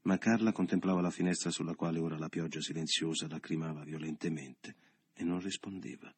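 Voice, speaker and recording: A man narrating a novel as an audiobook in a measured, literary way. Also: a bass voice, fairly even intonation, darkish tone, breathy edge, dry recording.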